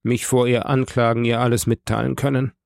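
A man's voice: mid-range voice, flat delivery, fairly quick, vocal fry, a little mellow, no room sound, clean studio sound, natural voice. A man voicing a frantic, fearful male prosecutor in an audiobook reading, calling out urgently. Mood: anxious.

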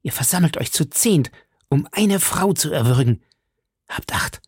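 A man reading aloud and voicing a desperate, vengeful condemned noblewoman in a shrill, pleading tone. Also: expressive, unhurried, darkish tone, husky, dry recording, studio quality. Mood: defiant.

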